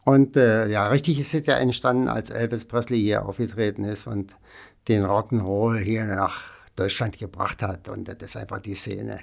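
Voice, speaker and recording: A man's voice: lowish voice, steady tone, moderate pace, creaky. A man, chatting casually as an interview guest and rambling with many fillers. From Berlin, Germany. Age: 80s.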